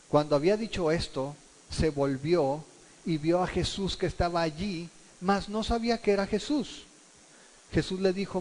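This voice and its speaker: High-voiced Mexican pastor in a reverberant hall. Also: male voice, darkish tone. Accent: Mexican Spanish. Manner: conversational, acts out quotes with shifting pitch. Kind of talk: verse-by-verse sermon.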